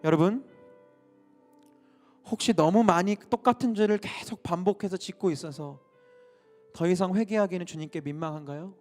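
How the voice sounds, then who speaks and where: High pitched pastor guy preaching hard, lots of questions to the crowd, soft music under it. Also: moderate pace, pauses often. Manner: impassioned, many rhetorical questions. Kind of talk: sermon.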